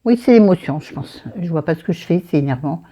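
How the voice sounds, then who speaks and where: A woman's voice: deep voice, lively intonation, fast, warm tone. A woman with a southern French accent, chatting casually about a book while doing her makeup at her dressing table, rambling and talking to herself. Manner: rambling, digressive, talks to herself. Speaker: book vlogger. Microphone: camera facing her mirror.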